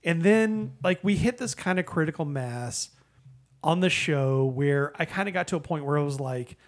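Guy podcast host with a slightly high voice, halting rambly casual review talk. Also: expressive. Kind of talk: casual beer review chat.

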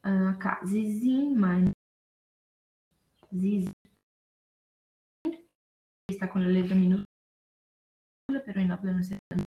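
A woman's voice: medium pitch, monotone, mellow, low-quality recording. A woman explaining German grammar in a casual lesson, hesitant and full of fillers. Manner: slow, hesitant, many fillers. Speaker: German teacher.

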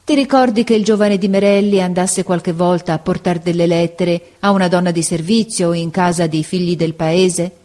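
A woman's voice: on the low side, fairly even intonation, moderate pace, few pauses, mellow, lightly acted. A woman voicing a curious shopkeeper. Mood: inquiring.

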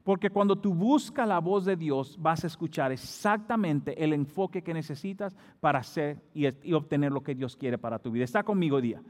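A man's voice: a little high, fairly quick, hardly any pauses. A male pastor preaching a sermon in a church, building his delivery to emphatic peaks. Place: church hall. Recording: long hall reverb.

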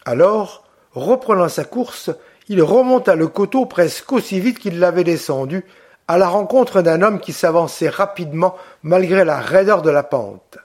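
A man narrating a classic novel in a measured, deliberate way. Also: high voice, animated, darkish tone. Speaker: audiobook reader. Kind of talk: literary audiobook narration.

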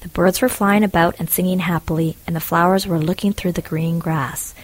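Husky woman reading a storybook. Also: fairly low pitch, steady tone, fairly quick. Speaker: narrator.

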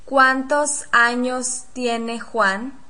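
Slow, bright-voiced woman teacher. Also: fairly high pitch, steady tone. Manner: careful, deliberate, model-sentence delivery. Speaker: language teacher. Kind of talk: slow, clearly articulated pronunciation drill.

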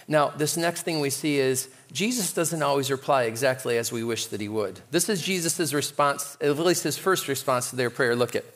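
Conversational man preaching a sermon. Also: on the high side. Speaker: pastor.

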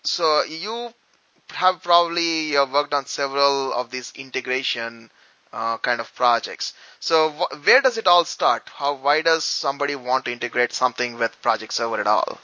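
A man's voice: medium pitch, moderate pace, pushed and bright, no room sound, dull audio. A man co-hosting a podcast interview, talking hesitantly with many ums and restarts. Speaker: podcast co-host.

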